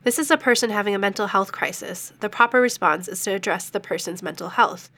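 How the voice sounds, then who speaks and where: A woman working in social services, speaking firmly and in a measured way in an interview. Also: mid-range voice, pushed and bright.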